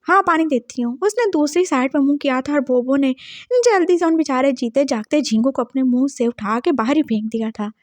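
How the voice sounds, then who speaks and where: A woman's voice: sits high, brisk, hardly any pauses, darkish tone, no echo. A woman telling a drama story in a chatty, playful way, recorded close. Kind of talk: casual drama story narration.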